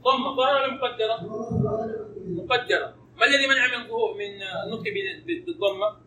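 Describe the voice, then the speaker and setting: Male teacher drilling students with questions; distant mic, noisy echoing room. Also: very high-pitched. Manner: quizzing students with rapid questions. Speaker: Arabic grammar teacher. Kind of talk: classroom grammar lesson. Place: classroom. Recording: echoey room, distant mic, background noise.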